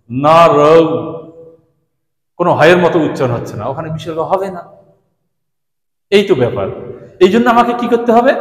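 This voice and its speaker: A man teaching Sanskrit grammar in speech, patiently repeating examples and speaking directly to his students. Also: high-pitched. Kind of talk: classroom grammar lesson. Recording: echoey room with long reverb.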